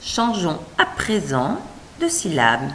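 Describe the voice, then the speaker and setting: Slow, lively-toned woman teacher. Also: fairly low pitch, a little hiss or hum. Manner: slow, carefully segmented syllables, encouraging. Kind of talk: scripted reading lesson for young children.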